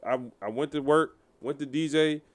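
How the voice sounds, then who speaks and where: A podcast co-host and DJ in his thirties talks candidly and profanely in a casual chat, leaning on emphatic filler phrases. His voice is on the high side, at a moderate pace.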